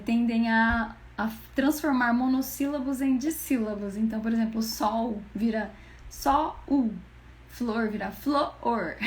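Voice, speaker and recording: Woman, Brazilian accent, speech therapist, halting explanation, slightly high voice. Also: darkish tone. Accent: Brazilian Portuguese. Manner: hesitant, many fillers and restarts. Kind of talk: explaining child phonological awareness.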